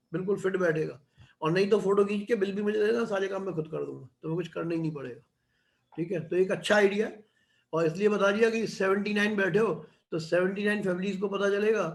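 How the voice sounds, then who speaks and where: A middle-aged man lectures a class in a high, creaky voice that reverberates around him. Conversational and chatty, he checks in with students frequently and keeps saying "है ना".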